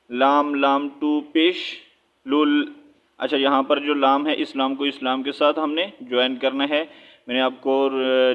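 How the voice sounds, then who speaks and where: A man teaching a Quran recitation lesson step by step. He explains briefly, checks in with listeners often, then recites slowly with long drawn-out syllables. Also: medium pitch, a bit bright. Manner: checks in with frequent "theek hai". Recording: dull lo-fi recording.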